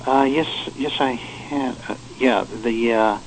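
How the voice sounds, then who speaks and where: Quiet man speaking over the phone. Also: mid-range voice, fairly even intonation, a little hiss or hum, low-quality recording. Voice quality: quiet, hard to hear on the line. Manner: explains haltingly with many fillers. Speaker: radio show guest. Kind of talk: call-in radio discussion.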